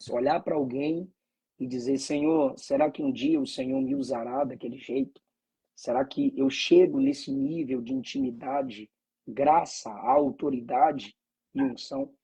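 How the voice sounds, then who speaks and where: A man's voice: mid-range voice, vocal fry, dark tone, breathy edge, low-quality recording. A man from Bahia, a pastor, speaking with fervent preacherly cadence and frequent hallelujahs. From Bahia, Brazil. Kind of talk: conversation and preaching reflection.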